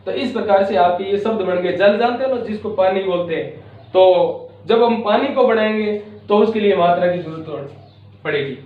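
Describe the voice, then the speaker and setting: A man teaching a class, slowly sounding out syllables and words and asking his pupils questions. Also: sits high. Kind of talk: slow classroom lesson. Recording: far-off echoey phone-like recording.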